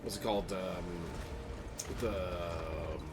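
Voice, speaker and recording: A man's voice: sits low, steady tone, slow pace. A man in casual, jokey gameplay chat, recorded with noticeable game noise behind him. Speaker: video game streamer. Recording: clearly noisy background.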